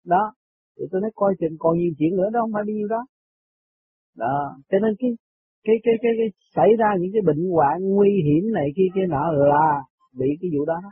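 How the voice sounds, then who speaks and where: Husky man on phone line. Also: high voice, fast, dry recording. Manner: repeats words while searching, chuckles between points. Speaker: spiritual teacher. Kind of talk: rambling spiritual talk. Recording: tinny phone-like radio line, dry.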